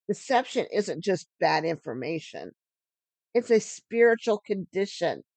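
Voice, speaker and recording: A woman giving an earnest teaching sermon on scripture, stressing key phrases and slowing down for emphasis. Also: medium pitch, a little mellow, dry recording. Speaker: Bible teacher.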